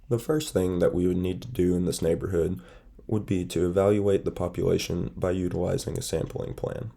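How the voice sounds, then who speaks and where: A young male student presents in a formal, measured, steady read, his low voice gravelly and nasal. A sinus infection has left him stuffy.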